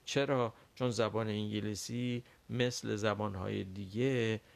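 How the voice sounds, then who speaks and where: A man whose first language is Persian, teaching a language lesson and explaining patiently with frequent pauses and fillers. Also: lowish voice, fairly even intonation, gravelly. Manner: explains carefully with many pauses and fillers, models English words slowly. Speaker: English teacher.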